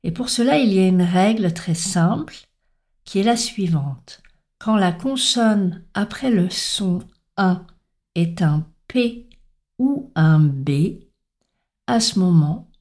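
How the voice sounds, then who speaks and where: A woman gives a slow, deliberate spoken lesson on sounds. Her voice is soft and mellow, and she spells out letters one by one with clear stress on each example word. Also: mid-range voice, animated. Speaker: French pronunciation teacher.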